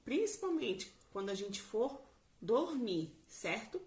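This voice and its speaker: Woman, Brazilian accent, teacher, recorded remote lesson, slow, lively intonation. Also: fairly high pitch. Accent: Brazilian Portuguese. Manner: slow, drawn-out explaining to young children.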